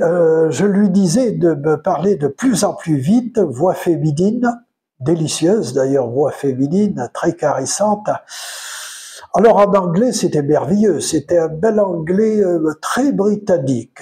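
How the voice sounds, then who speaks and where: An older retired man with a Provençal French accent, musing in a casual solo monologue, pausing often with fillers. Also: on the high side, lively intonation, dark tone. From France. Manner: hesitant, many pauses and fillers; unhurried, chatty. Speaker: retired commentator.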